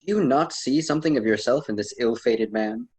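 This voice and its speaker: In a radio drama, a man plays a patient ancient Roman poet and mentor, using formal, old-fashioned phrasing in a grave, instructive mood. His mid-range voice is somewhat dark and breathy, a little fast, and lightly acted in theatrical dialogue.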